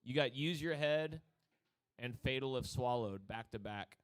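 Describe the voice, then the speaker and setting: At a measured pace and with a smooth, mid-range voice, a man from New Jersey co-hosts a loose conversation about metal records. He rambles and jokes, drifts into side stories, and exaggerates the voices of people he quotes.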